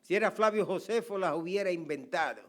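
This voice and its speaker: Older man, pastor, sermon, high voice, soft asides, loud emphatic peaks. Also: fairly quick.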